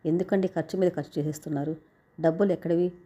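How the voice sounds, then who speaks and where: A woman's voice: lowish voice, steady tone, fast talker, warm tone, close to an everyday voice. A woman reading the lines of a modest, hardworking young wife in a narrated story. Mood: earnest.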